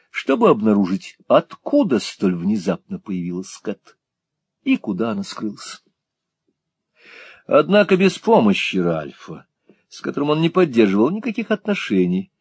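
A man narrating a classic novel as an audiobook in an expressive, theatrical reading. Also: mid-range voice, breathy edge, no echo.

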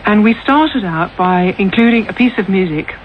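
A woman's voice: mid-range voice, expressive, moderate pace. A woman presenter explaining her programme in a radio interview. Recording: tinny, noisy radio broadcast.

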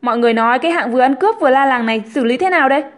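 A cold, blunt young man, as a woman narrator plays him, curt and scornful in a spoken storybook. The voice stays high and bright, with no real drop into a male register. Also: animated, very fast. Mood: insistent.

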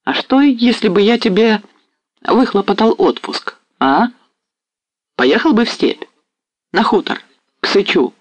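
A man's voice: fairly high pitch, lively intonation, normal speed, no echo. A man doing a sly cossack officer. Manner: teasing, knowing.

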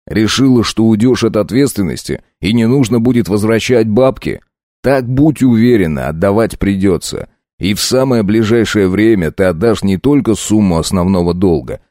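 A man's voice: fairly low pitch, animated, normal speed, dark tone, no room sound, clean studio sound, natural voice. A man voicing a cold, mocking debt collector in an audiobook, speaking harshly. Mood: threatening. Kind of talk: audiobook reading.

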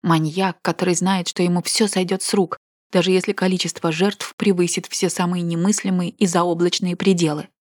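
A woman's voice: fairly low pitch, moderate pace, darkish tone, no echo, studio quality, voice pushed up. A woman reading the lines of a wounded, indignant young woman in a heated, emotional, accusing way.

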